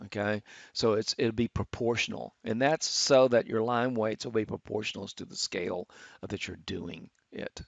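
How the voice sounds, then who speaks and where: A middle-aged man teaching architecture students, talking through a software tutorial with many fillers and restarts. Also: on the low side, fairly even intonation, normal speed, gravelly, no echo. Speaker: architecture instructor. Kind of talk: screen-recorded software tutorial. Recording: dull, lo-fi screen capture.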